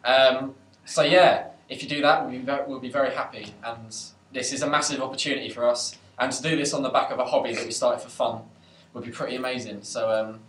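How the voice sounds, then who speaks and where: A young British band member rambles and jokes while promoting a competition in a casual video, the band seated on a couch in a dark room. His medium-pitched, slightly bright voice is fairly even, a little fast, with hardly any pauses. It's recorded from far off in an echoey room with slight background noise.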